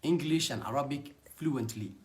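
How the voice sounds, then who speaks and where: A young man with a mid-range voice and a Somali accent, Somali being his native tongue, sincerely recounts his experience with network marketing in short, stop-start phrases.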